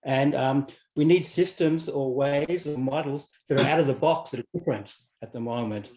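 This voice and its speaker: A man's voice: medium pitch, normal speed, a little mellow, echoey room. A man with a German accent in a video call discussion, speaking earnestly and repeating words. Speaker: discussion participant.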